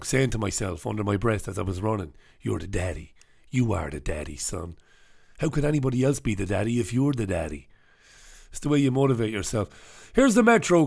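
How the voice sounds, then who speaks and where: Male host with a head cold, mid-pitched, dry and jokey, casual newspaper-review live stream. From United Kingdom. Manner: sardonic, jokey asides.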